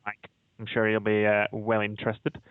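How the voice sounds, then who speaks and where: A man's voice: on the low side, completely flat delivery, normal speed, smooth. A man with a Yorkshire accent chatting casually as a podcast co-host, informal, slangy and matey in manner. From Yorkshire, England. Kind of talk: casual chat. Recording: dull, lo-fi audio.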